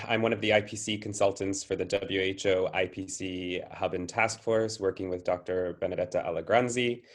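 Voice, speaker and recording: A man hosting a webinar over a video call, briskly inviting panelists to introduce themselves. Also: on the low side. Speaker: host. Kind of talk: moderating introductions.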